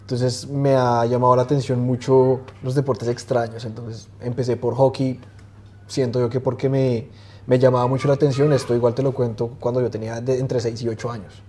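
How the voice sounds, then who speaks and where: A man in his twenties, a guest talking casually in an interview and often pausing with fillers and restarts. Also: medium pitch, slight background noise. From Colombia. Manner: relaxed, hesitant, many fillers and restarts. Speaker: guest swimmer.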